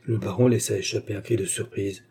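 Brief: man narrating an audiobook, measured, deep mellow husky timbre. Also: fairly even intonation. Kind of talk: scripted narration of a classic novel.

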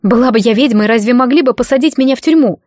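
A woman's voice: a little high, fast, darkish tone, no room sound, close to an everyday voice. Audiobook role: frightened young woman, as the reader puts her on, pleading and tearful, in a dry close recording. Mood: desperate. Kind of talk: audiobook character voice.

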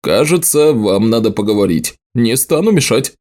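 A man's voice: mid-range voice, animated, normal speed, darkish tone, close to an everyday voice. Guy doing a sly smug village man, fake friendly, teasing, storybook voice. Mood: mocking.

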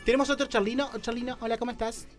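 A man's voice: extremely high pitch, flat delivery, very fast, faint music behind. A man with an Argentine accent hosting a comic radio talk show in a flamboyant, camp, theatrical manner. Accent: Argentine Spanish. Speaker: radio host.

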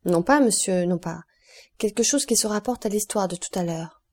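A woman's voice: mid-range voice, expressive, moderate pace, darkish tone, natural voice. A woman voicing a humble, talkative male prison guide in an audiobook, speaking eagerly and deferentially. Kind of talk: audiobook character voice.

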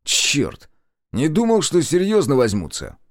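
Guy doing an eager partisan fighter, kinda high and loud, blurts stuff out. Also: measured pace, no echo, clean studio sound. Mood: excited. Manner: exclaiming, excitable. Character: eager wartime partisan soldier, excitable.

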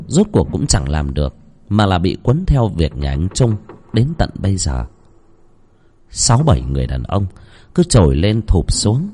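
A man narrates a ghost story in a lowish voice. His pitch swings widely as he leans into the drama. The delivery stays expressive and storytelling throughout.

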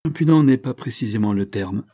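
A man's voice: medium pitch, mellow, breathy edge, dry recording, lightly acted. Man voicing a dry, curt old lawyer. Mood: cool. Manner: curt, cold and measured. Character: dry, cutting old English family lawyer.

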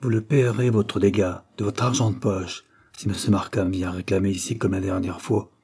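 A man's voice: lowish voice, steady tone, moderate pace, a little mellow, husky. A man reading aloud and voicing a stern mother who scolds her sons. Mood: scolding.

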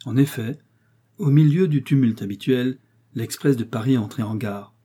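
A man reading a story aloud in a measured, even manner. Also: mid-range voice, husky. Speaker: audiobook narrator. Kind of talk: storybook narration.

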